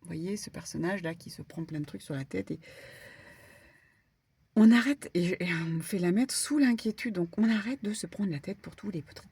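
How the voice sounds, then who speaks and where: A woman medium giving a casual spiritual card reading, talking in an animated, stumbling way with many fillers. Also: medium pitch, husky, no echo. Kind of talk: spiritual guidance talk, casual.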